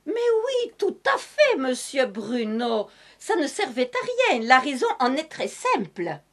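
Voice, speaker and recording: A woman's voice: high-pitched, wildly swooping pitch, takes it slowly, a bit bright, exaggerated voice. A woman voicing a chatty talking face mask with a put-on southern French accent, theatrical and mock-official. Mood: mock-serious. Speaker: guest in sketch. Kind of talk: comedic sketch.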